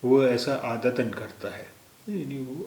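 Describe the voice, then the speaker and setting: A man's voice: medium pitch, creaky, darkish tone. Patient male tutor with a Hindustani accent, repeating each word, recorded in an echoey room. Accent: Indian Hindustani. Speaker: language teacher. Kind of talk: slow explanatory lesson.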